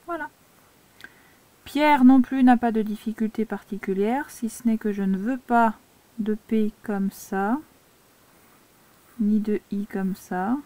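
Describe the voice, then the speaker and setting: Une institutrice française qui explique l'écriture cursive à de jeunes élèves, pas à pas et avec patience. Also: female voice, mid-range voice, mellow, dry recording. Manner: slow, patient step-by-step instruction. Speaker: primary school teacher. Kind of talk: handwriting lesson for young children.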